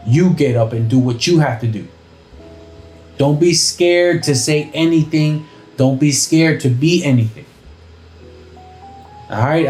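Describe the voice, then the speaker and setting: A man's voice: mid-range voice, darkish tone. A man hosting a podcast, ranting in a profane, combative, swaggering way. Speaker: podcast host. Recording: echoey room.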